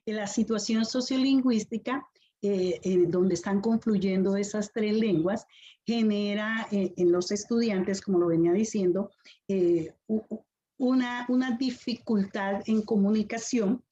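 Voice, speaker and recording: A woman with a Colombian Caribbean Spanish accent giving a semi-formal academic presentation as an educator, in a halting, explanatory way. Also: mid-range voice, warm tone, a little hiss or hum. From Colombian Caribbean islands. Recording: dull lo-fi audio.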